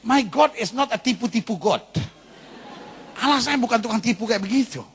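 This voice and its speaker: A man preaching as a pastor, lively and animated, tossing in English phrases and calling the congregation to applaud and say amen. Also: extremely high pitch, moderate pace, a little hiss or hum. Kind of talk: sermon. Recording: long reverb of a large hall.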